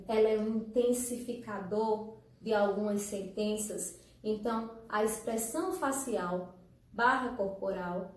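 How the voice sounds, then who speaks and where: A chatty, fairly high-voiced woman hosts a live stream as a teacher. She talks straight to her viewers with easy laughter. She sits well back from the mic in a very echoey room. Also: recorded from a distance. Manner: warm, chatty, laughs often, addresses viewers directly. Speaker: teacher hosting an Instagram live. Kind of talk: casual live-stream chat.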